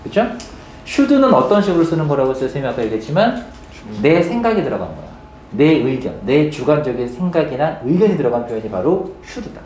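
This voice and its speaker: A male teacher giving a grammar lecture to a class, often checking in with quick questions. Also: fairly high pitch, big pitch swings, darkish tone, slight background noise. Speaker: English teacher. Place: classroom with students. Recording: roomy classroom, mic at a distance.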